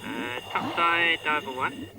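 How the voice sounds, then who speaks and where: Man on a diver's mask radio, slow, distant. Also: a little high. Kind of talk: radio calls from underwater. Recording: distant muffled underwater radio with loud hiss.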